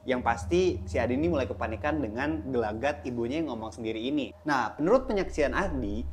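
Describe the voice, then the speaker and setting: A man telling a horror story in a casual, chatty way, addressing his listeners directly. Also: mid-range voice.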